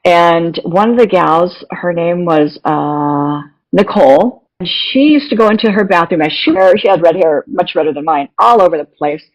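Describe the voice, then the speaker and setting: A woman's voice: lowish voice, moderate pace, muffled recording. A middle-aged woman speaking as an interview guest, earnest and encouraging, often restarting her sentences. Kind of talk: casual interview talk.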